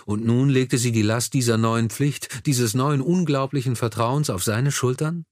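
A man reading a historical novel aloud in a measured, dramatic narration. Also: medium pitch, a little mellow, no room sound, studio quality. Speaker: audiobook narrator. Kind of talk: scripted narration.

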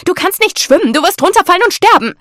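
A woman voicing a fussy, panicking noblewoman who scolds in a shrill, horrified way. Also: fast, a bit bright, no room sound, studio quality. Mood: alarmed.

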